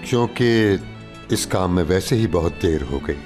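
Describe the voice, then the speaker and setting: A devoted older suitor. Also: male voice, low-pitched, lively intonation, unhurried, over music. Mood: tender. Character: older man, eager devoted suitor in love. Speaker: dubbing actor. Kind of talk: Urdu-dubbed TV drama.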